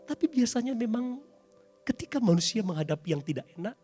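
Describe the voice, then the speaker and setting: A middle-aged man preaching a sermon as pastor in a church, dramatic and animated, with sudden loud highs. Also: a little fast, husky, faint music behind.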